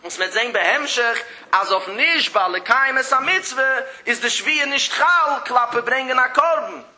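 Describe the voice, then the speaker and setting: A man's voice: extremely high pitch, expressive, normal speed, bright, forceful tone. A man teaching a Talmud lesson in a sing-song study chant with rising stresses, breaking off into chatty asides and filler phrases.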